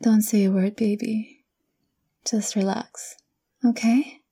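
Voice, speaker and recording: A young woman whispering softly and close in an intimate, coaxing ASMR roleplay. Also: mid-range voice, level tone, slow, slightly rough. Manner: intimate, coaxing girlfriend address.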